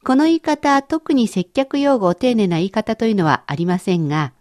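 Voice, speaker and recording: A woman teaching a language lesson in a clear, encouraging way, explaining step by step. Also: medium pitch, lively intonation, moderate pace, a little mellow, no echo, clean studio sound.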